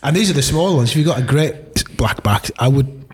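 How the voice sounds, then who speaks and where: A man's voice: medium pitch, animated, a little fast, husky. A man guesting on a radio show, rambling and easily distracted, laughing often and chatting while he eats. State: talking while eating. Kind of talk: casual radio chat.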